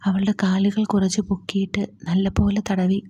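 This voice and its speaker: Woman storyteller, flat and even, very breathy, in a whispered role-play. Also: mid-range voice, moderate pace. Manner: even, intimate whispered narration.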